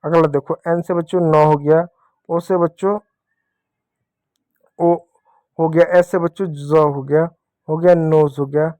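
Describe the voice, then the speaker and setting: A man with a fairly high voice gives a children's reading lesson, sounding out each word letter by letter. His delivery is patient and repetitive, and the recording is dry and close, with no room sound. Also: steady tone, unhurried, pauses often, a little mellow, no echo. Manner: patient, spells words letter by letter; repeatedly addresses the children. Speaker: teacher.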